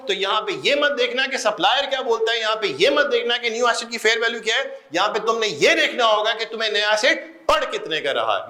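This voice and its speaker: A man's voice: sits high, sharp tone, echoey room. A man lecturing on accounting, repeating his points emphatically and urging students to call out answers. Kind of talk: classroom lecture.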